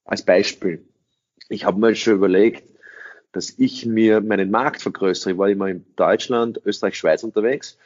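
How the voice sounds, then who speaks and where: This lowish, darkish voice holds a steady tone and moderate pace. A middle-aged man speaking English, he answers interview questions as a sales trainer with emphasis, repeated phrases and rhetorical questions, all on a dull lo-fi recording.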